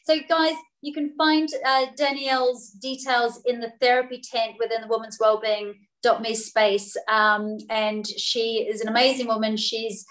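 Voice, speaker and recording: A woman's voice: fairly high pitch, little pitch movement, measured pace, hardly any pauses, fairly bright tone, poor audio. A woman hosting a casual online chat, effusive and emotional, talking into her phone. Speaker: host.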